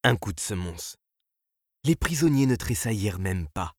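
A man narrating an audiobook in a husky, expressive, dramatic way. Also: on the low side, moderate pace, no echo, studio quality.

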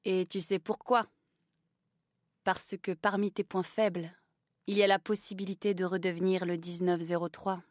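A woman's voice: on the low side, flat delivery, moderate pace, dry recording, studio quality, lightly acted. A woman reading an audiobook and voicing a cold, commanding aristocratic countess who speaks in a stern, clipped way.

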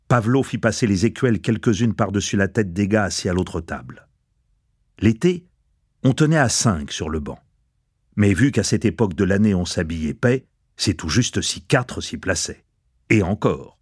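Guy reading a novel, deepish and husky, lively swings, dry sound. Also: dry recording. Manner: expressive, colloquial storytelling. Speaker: narrator.

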